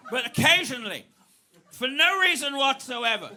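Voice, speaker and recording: A man doing stand-up on a comedy club stage, spinning absurd stories that swing from flat to explosive. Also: very high voice, moderate pace. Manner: absurd, deadpan-to-explosive storytelling. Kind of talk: stand-up routine. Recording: live club with audience laughter.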